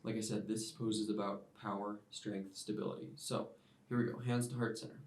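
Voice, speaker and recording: A man teaching a yoga class, giving calm step-by-step cues timed to the breath. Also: on the low side, fairly quick. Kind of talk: guided yoga class instruction. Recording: roomy sound, mic at a distance.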